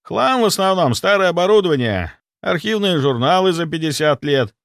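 Man voicing an inquisitor calling out loud. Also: high voice, very animated, normal speed, creaky, no room sound, studio quality, voice pushed up, heavily acted. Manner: calling out loudly. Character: second male inquisitor, calling out finds.

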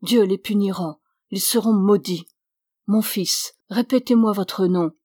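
A woman's voice: medium pitch, steady tone, normal speed, a little mellow, dry recording, studio quality, close to an everyday voice. A woman voicing a stern, outspoken old male priest who speaks severely. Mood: indignant. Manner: severe, indignant outbursts.

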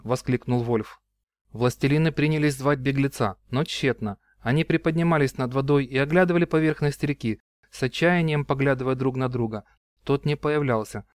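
A man's voice: mid-range voice, fairly quick, no echo. A man reading a fantasy novel aloud as the narrator. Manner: even, clear storytelling. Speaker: audiobook narrator. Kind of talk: scripted narration.

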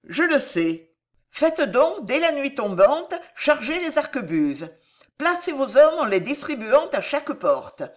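A woman's voice: high-pitched, sing-song, unhurried, voice pushed up. A woman reading an audiobook, voicing an imperious aging queen who gives ruthless orders in an emphatic, commanding way. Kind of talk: audiobook character voice.

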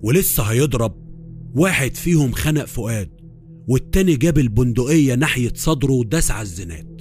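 A man's voice: medium pitch, animated, quick pace, darkish tone, soft background music. A man with an Egyptian Arabic accent, narrating a horror story in a confiding first-person way.

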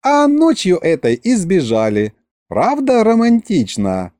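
Male reader doing a high, swooping, excitable young vampire girl, dreamy storybook figure. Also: no room sound, studio quality, heavily acted. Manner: sighing, drawn-out, breathless gushing. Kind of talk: audiobook character reading.

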